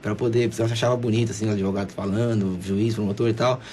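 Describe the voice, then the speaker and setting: A man's voice: on the low side, steady tone, quick pace, a little mellow, slight background noise. A Brazilian man in his twenties, a lawyer guest on a radio interview, who speaks hesitantly and repeats words. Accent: Brazilian Portuguese, São Paulo coast. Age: 20s. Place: radio studio.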